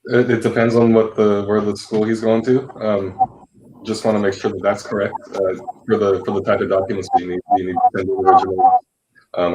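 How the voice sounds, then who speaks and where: A man with a very deep voice answers quickly and matter-of-factly, padding with ums. His line on the video call is noisy, with clicks behind him. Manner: matter-of-fact, hedging with fillers. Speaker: credential evaluator. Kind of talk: answering a question on a webinar.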